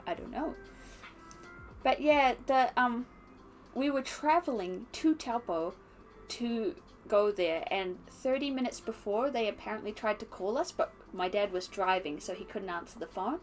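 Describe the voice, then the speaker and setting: A young woman with an Australian accent chatting casually on a stream, animated and laughing often. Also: unhurried, soft background music. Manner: chatty, reads chat aloud, laughs often, animated with pitch jumps. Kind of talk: casual chat while unboxing.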